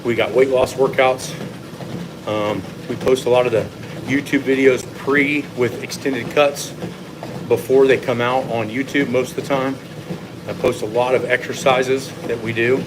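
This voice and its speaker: A man's voice: medium pitch, moderate pace. A man coaching casually on a livestream while walking on a treadmill, explaining and giving his opinions to viewers. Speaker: fitness coach hosting a live Q&A. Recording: clear steady machine noise behind voice. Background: treadmill or machine hum.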